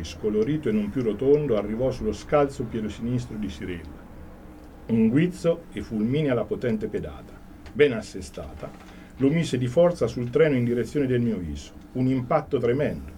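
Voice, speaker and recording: A man, an author, reads a chapter of his own book aloud in an earnest, steady way, then chats about it. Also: mid-range voice, moderate pace, a little hiss or hum.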